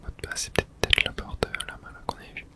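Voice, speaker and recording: Entirely in a whisper with no voiced sound, someone mutters through a video game playthrough in ASMR fashion, speaking quickly. It feels casual and unfiltered, as if talking to oneself, with occasional cursing.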